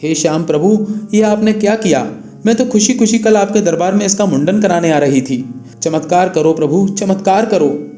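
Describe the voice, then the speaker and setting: A man voicing a devout young mother who pleads in a high, wailing voice, recorded in an echoey room with faint guitar music. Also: wildly swooping pitch, moderate pace, warm tone.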